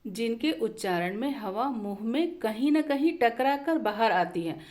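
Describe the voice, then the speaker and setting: A woman teaching a language lesson at a slow, deliberate pace, going over each definition more than once. Her voice sits a little higher than most women's. She drops in English terms while she explains. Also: animated, darkish tone. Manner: repeats definitions slowly, mixes in English terms.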